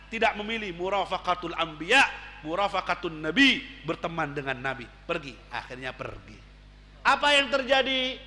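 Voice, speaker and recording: A man preaching an Islamic sermon, telling stories animatedly, with swings between loud exclamations and low asides, recorded in an echoey hall. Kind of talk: religious sermon with storytelling.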